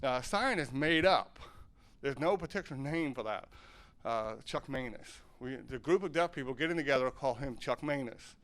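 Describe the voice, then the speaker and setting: A man's voice: medium pitch, expressive, normal speed, fairly bright tone. A man from southern Ohio who teaches sign language, giving a loose, self-correcting talk and questioning his audience.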